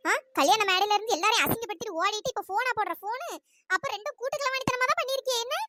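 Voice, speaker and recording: A woman's voice: very high voice, racing, very noisy. A woman voicing a middle-aged aunt in a cartoon story, scolding harshly and throwing insults.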